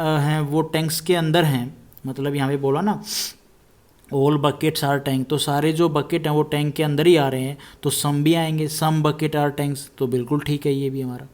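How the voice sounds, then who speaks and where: Guy teaching exam prep, kinda high voice, on the bits, goes step by step. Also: darkish tone. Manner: explains step by step, repeats statements slowly while writing.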